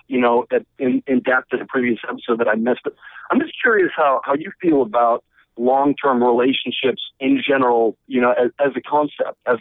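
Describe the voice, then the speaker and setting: A man from Chicago comes through a thin, phone-like line, the sound dry and close with no room around it. He talks quickly in a relaxed way, often repeating words as he hunts for the next phrase. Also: medium pitch, no echo. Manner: halting, repeats words while searching for them. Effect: heard over a phone line. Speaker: caller. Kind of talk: casual phone call into a podcast.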